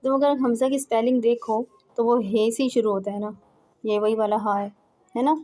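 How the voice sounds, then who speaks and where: A Quran pronunciation teacher gives an informal home lesson, patiently demonstrating throat sounds step by step. Her voice sits on the high side with a steady, dark tone, recorded on a phone at home.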